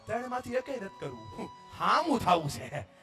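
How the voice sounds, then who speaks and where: A man with a high-pitched voice delivers a rousing motivational talk on a stage microphone in a big hall. He pushes the crowd to chant back and often raises his voice to a shout. Faint music sits underneath. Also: big pitch swings, normal speed. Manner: loud and exhorting, leading the crowd in chants, sometimes shouting. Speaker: motivational speaker at a family gathering. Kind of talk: energetic public speech with audience call-and-response.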